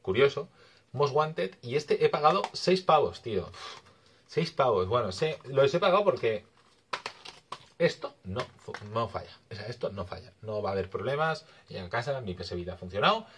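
A man with an accent from Spain, chatting excitably and swearing casually as he shows off his video game finds. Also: medium pitch, normal speed, slight background noise. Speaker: video game collector vlogger. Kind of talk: casual vlog chat.

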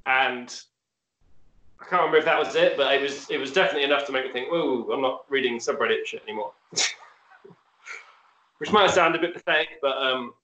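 A man's voice: medium pitch, bright, forceful tone. A man with a Northern English accent from Hull, hosting a casual conversation in a rambling, hesitant way and laughing at himself. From Hull, North of England. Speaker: host. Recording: roomy echoey recording.

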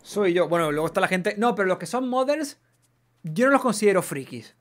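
A man's voice: high-pitched, expressive, brisk, a bit bright, soft background music. Chatty streamer man. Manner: chatty, swears casually, reads chat aloud. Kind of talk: casual live gameplay chat.

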